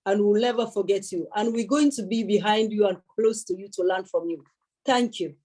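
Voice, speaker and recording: A woman's voice: fairly high pitch, darkish tone. A young woman giving an earnest public speech at a celebration, emphatic, repeating her key words and thanking many people. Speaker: speaker at a celebration event.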